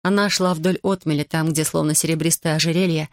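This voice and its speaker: A man narrating an audiobook in a measured, even reading style. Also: a little high, no echo, clean studio sound.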